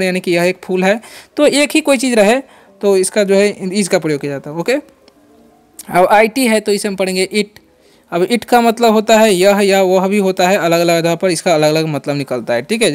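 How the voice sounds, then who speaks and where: A man's voice: high voice, clean tone. A man hosting his channel and teaching English word by word in Hindi, patient and repetitive, asking and answering his own questions. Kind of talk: Hindi-language English lesson.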